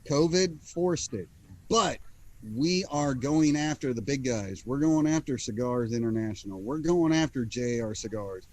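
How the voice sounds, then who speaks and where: A man's voice: medium pitch, measured pace, darkish tone, low-quality recording. A man co-hosting a podcast in casual chat over a video call. He jokes often and repeats words as he gets started. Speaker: podcast co-host.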